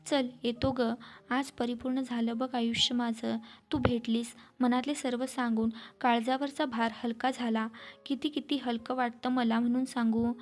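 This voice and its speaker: A woman voicing a gentle middle-aged man who speaks softly and reflectively in a storybook reading. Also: on the high side, flat delivery, normal speed, close to an everyday voice. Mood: tender.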